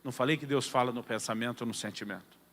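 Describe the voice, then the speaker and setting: A preacher voicing a calm mentor pastor. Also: male voice, medium pitch, fast talker, pitched below the performer's own voice, lightly acted. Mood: patient. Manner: calm, patient explaining. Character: calm older male mentor pastor, patient. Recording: long hall reverb.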